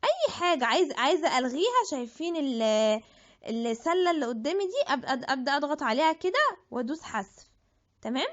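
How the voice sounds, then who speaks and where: A woman's voice: high voice, very animated, fast. A woman with an Egyptian Arabic accent giving a chatty app tutorial, thinking aloud and restarting her words. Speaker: tutorial presenter. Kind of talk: screen-recorded app tutorial. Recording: dull lo-fi audio.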